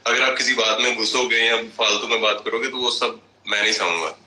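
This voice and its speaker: A man's voice: on the low side, steady tone, brisk, bright, forceful tone, roomy sound, rough recording. A man talking on a live stream, heated and defensive, explaining his side at length. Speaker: reality show contestant on a live stream. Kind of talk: casual live-stream chat.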